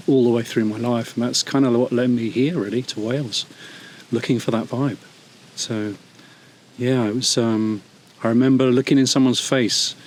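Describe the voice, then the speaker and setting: A man in his fifties thinks back on his childhood in an interview, offering reflective personal testimony. He speaks at a medium pitch, thoughtfully and hesitantly, with many fillers and restarts, over slight background noise.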